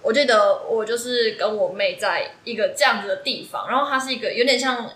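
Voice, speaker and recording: A young woman rambles through a story at a rapid clip, her voice bright and a touch high. She leans on fillers and laughs often as she chats. The room adds a clear echo and faint noise. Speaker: podcast co-host. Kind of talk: casual chat, telling a dream.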